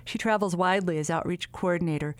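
A woman reporter reading scripted narration in a measured way, lifting her pitch on questions. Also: no echo. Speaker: radio reporter.

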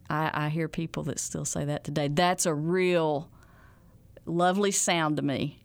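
A woman with an Ozark accent, an outreach coordinator telling stories in a folksy, drawn-out way. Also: lowish voice, smooth. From Ozarks, Arkansas. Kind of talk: storytelling interview.

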